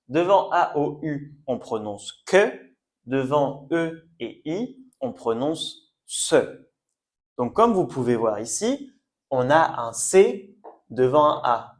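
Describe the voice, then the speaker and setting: A man teaching a French pronunciation lesson, slowly repeating each word for learners. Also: mid-range voice. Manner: slow, careful, repeats words for learners. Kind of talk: language lesson at a whiteboard.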